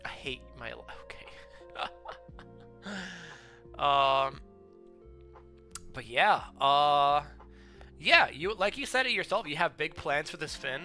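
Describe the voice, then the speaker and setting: Young man, streamer, animated swooping delivery, crisp bright tone, filler-heavy casual chat, soft music underneath. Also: a little high, slow, long pauses. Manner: chatty, filler-heavy, breaks into excited outbursts and laughter. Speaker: streamer reviewing viewers' game builds. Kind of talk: casual livestream commentary. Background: faint background music.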